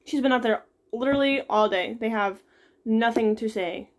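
A woman in her twenties co-hosting a podcast, reading a novel aloud and breaking off to chat casually, giggly and quick to interrupt herself. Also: on the high side. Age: 20s. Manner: chatty, giggly, self-interrupting. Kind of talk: casual book-club chat and read-aloud.

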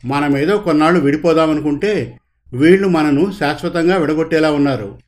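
A man's voice: fairly high pitch, a little fast, darkish tone, close to an everyday voice. A man voicing an emotional, devoted wife who pleads on her husband's behalf. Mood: pleading. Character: emotional devoted wife, quarrelsome but loving.

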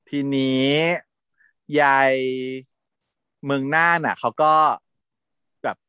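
A man's voice: medium pitch, very slow, pushed and bright, clean tone, dry recording. A man in casual chat who animatedly retells a TV series, laughing often and acting out quotes.

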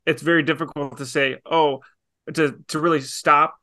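A man co-hosting an education podcast, speaking in casual chat and pausing to rephrase his thoughts. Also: a little high, fairly even intonation, sharp tone, no echo. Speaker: podcast co-host.

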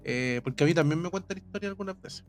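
A man with a Chilean accent spins a story in a loose, casual chat, circling back and repeating himself with plenty of slang. His voice sits a little high, and faint music plays underneath. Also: expressive, fast talker. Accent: Chilean Spanish. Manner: rambling, repeats words, heavy slang.

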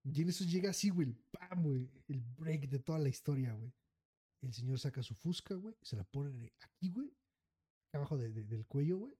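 A man's voice: a little high, brisk, breathy edge. A man with a Mexican accent telling a story in casual podcast chat, swearing freely and tacking "güey" onto nearly every phrase. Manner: animated, acts out the people in his story. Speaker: podcast co-host.

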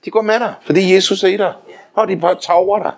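An older man preaching a sermon, telling lively anecdotes, often laughing and calling on listeners to say amen. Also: high voice, gravelly. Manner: animated storytelling, often laughing, calls for amens.

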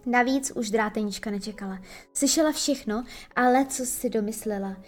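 A woman narrating a children's fairy tale as an audiobook, expressive and storytelling. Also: on the high side. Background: faint background music.

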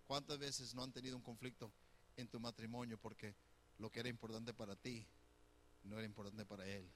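A man's voice: medium pitch, little pitch movement, fairly quick, a bit bright, slight background noise. A middle-aged man preaching a conversational sermon as pastor, teasing his listeners and putting questions to them. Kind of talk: sermon on marriage.

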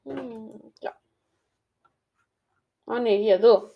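A woman's voice: fairly high pitch, creaky, muffled recording. Young girl giving blunt slangy answers. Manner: quick, blunt opinions with slang. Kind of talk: casual this-or-that chat.

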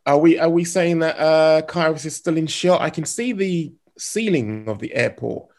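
A man hosting a casual podcast, asking questions in a relaxed way with frequent pauses. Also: a little high, a crowd in the background. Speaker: podcast host.

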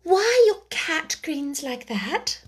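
A woman voicing a polite, anxious young girl in a storybook reading, lifting her voice high and earnest. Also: very animated, slow pace, exaggerated voice. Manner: earnest, rising to alarm.

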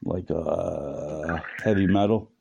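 Laid back stoner dude interviewing someone, trails off a lot, creaky low voice, muffled sound. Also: male voice, slow, a little mellow. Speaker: interview host. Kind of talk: casual, loose interview chat. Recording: dull, lo-fi sound.

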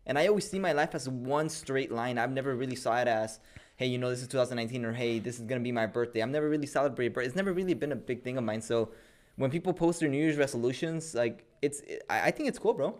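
A man's voice: medium pitch, fast talker. A man co-hosting a podcast in laid-back casual chat, often saying "bro". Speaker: podcast co-host.

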